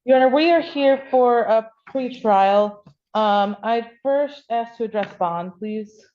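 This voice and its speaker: A woman's voice: fairly high pitch, takes it slowly, darkish tone. A woman working as public defender, arguing a bond request in court and hesitating with frequent ums, heard in a courtroom recording. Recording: dull, lo-fi courtroom audio.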